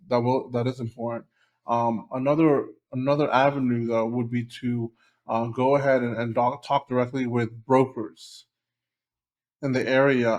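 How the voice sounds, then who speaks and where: A man with a mid-range, somewhat dark voice is a guest on an interview, the founder of a short-term rental company. He answers loosely and conversationally, filling his speech with lots of "um" and "you know."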